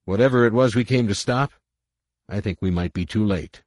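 A man voices a brash, hot-tempered male pilot in a grim mood, pitching his lowish, darkish voice above his natural register while staying close to an everyday sound. He speaks at a moderate pace, and the recording is clean studio audio with no room sound.

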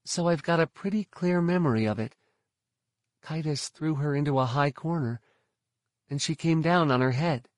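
A man voicing a steady, restrained young Jedi woman in an audiobook reading. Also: on the high side, moderate pace, dry recording, voice pushed up, lightly acted. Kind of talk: audiobook narration.

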